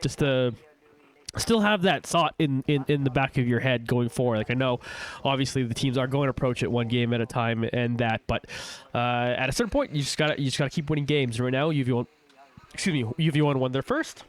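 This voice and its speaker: Stuffy from a cold, this young esports caster talks fairly quickly in a mid-range voice while calling a game on a livestream. His commentary is casual and rambling, packed with fillers and restarts.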